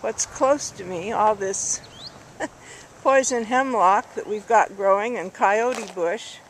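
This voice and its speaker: A woman narrating her walk along a rural road at dusk, thinking aloud and correcting herself as she films with a handheld camera. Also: slow pace. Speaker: hiker filming a walk. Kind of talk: casual narrated walk video. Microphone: handheld camera mic. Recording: faint outdoor noise, handheld camera. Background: distant highway traffic.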